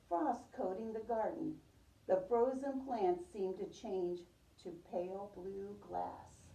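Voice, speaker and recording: A preschool teacher, a woman, leads storytime by reading a picture book and posing questions, affirming and repeating the children's answers. Her pitch is fairly high, yet her tone is dark. The room echoes, heard through a distant microphone.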